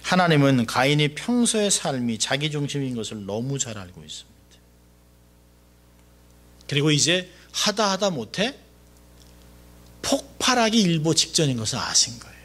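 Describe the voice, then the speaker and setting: A man preaching a sermon as pastor in a church, animated and acting out voices in dialogue. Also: on the high side, moderate pace, long pauses.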